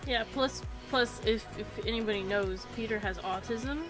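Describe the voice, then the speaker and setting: A woman's voice: a little high, normal speed. Casual woman live streamer over music. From United States. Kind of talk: casual live stream chat while gaming. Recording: music playing behind the voice.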